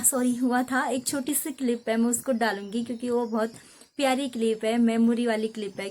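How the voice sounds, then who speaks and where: A woman's voice: on the high side, slight background noise. Chatty young Kumaoni woman vlogging. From Uttarakhand, India. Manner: chatty, rambling, self-correcting. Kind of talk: casual village vlog chat. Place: outdoors at a village home.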